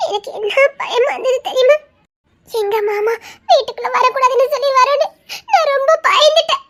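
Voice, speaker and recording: A woman's voice: very high voice, animated, moderate pace, bright, forceful tone, heavily acted. A woman playing a shy, tearful young wife. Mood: tearful relief. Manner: bashful, teasing, tearful giggles. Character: shy tender young wife, easily frightened. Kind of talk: audio drama acting.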